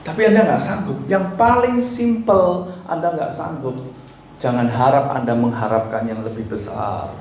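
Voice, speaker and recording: A man preaching a sermon, pleading and emphatic, swinging between loud and soft. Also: mid-range voice, moderate pace. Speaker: pastor. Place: church hall. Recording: echoey church hall with faint noise.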